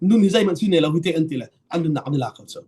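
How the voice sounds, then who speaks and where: Slow, high-voiced man preaching. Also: expressive, a little mellow, breathy edge. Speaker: pastor. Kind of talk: sermon-style talk.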